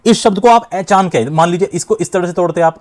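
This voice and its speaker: A man's voice: high voice, a little mellow. Emphatic young male grammar teacher. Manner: emphatic, repeats key points, often says "dhyaan deejiye"; sounds out syllables slowly to demonstrate. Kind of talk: exam-prep lesson at a board.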